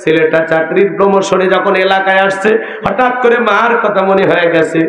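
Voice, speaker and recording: A man's voice: high voice, fairly quick, fairly bright tone. A man preaching a Bengali sermon, telling a tearful story in a sing-song wailing style and voicing its characters. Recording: echoey hall reverb, dull lo-fi sound with faint music.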